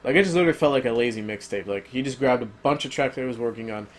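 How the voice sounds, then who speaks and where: A man with a mid-range voice talks rapid-fire through a casual, rambling album review. He is opinionated and fills his speech with ums and uhs, and he mentions that he is losing his voice.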